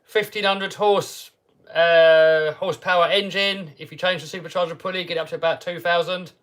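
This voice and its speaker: With a high-pitched, steady and slightly bright voice at a moderate pace, a man chats easily on a casual livestream. He laughs often and reads out the questions viewers send in.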